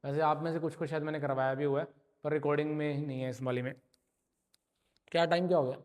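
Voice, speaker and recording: A man's voice: fairly high pitch, steady tone, quick pace, darkish tone. A man teaching an English grammar lesson to a class, explaining patiently and often checking that students follow. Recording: long reverb in a hall.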